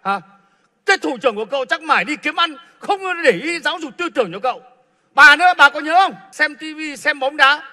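Sketch role: an irritable older ex-official, scolding, bright forceful voice. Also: male voice, extremely high pitch, expressive, a little fast, big-room sound, heavily acted. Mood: indignant. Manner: blustering, scolding. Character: retired male official in his 60s, pompous and irritable. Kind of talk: stage comedy sketch.

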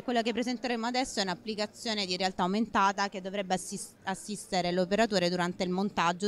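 Woman explaining a tablet demo. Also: mid-range voice. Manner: step-by-step explanatory. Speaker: company demonstrator. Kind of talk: trade fair product demo. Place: indoor trade fair stand.

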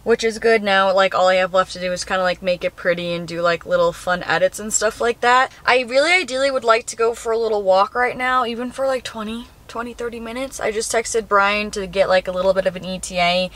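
A woman's voice: medium pitch, fairly quick, few pauses, fairly bright tone. A young woman in her twenties chatting casually to her phone camera from inside a parked car, upbeat and full of "like" fillers. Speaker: vlogger. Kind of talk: casual vlog chat to camera. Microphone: phone camera at arm's length.

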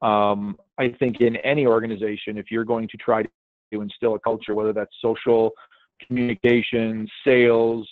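A man's voice: lowish voice, flat delivery, normal speed, dry recording. A man co-hosting a webinar over an online call, chatting casually and rambling with fillers and restarts. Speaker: podcast host and webinar co-presenter. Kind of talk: casual conversational webinar talk. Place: at a conference, joining remotely. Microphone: online call audio. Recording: tinny call-line audio, dry.

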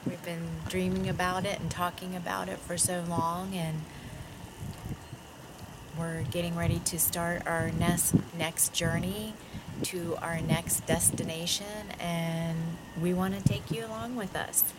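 Slow, low-voiced woman on a boat. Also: flat delivery, heavy background noise. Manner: slow, hesitant and heartfelt. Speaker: sailing vlogger. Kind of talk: casual reflective chat. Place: sailboat deck at night, outdoors.

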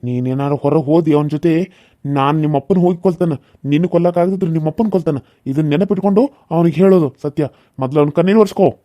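A man voicing a menacing young village villain in a cartoon serial, loud and threatening. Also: a little high, moderate pace, no echo, natural voice.

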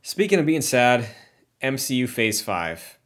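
A man's voice: medium pitch, big pitch swings, a little slow, fairly bright tone. A young man co-hosting a podcast, talking in a chatty, wry way. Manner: chatty and wry, often laughing. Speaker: podcast co-host. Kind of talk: casual chat.

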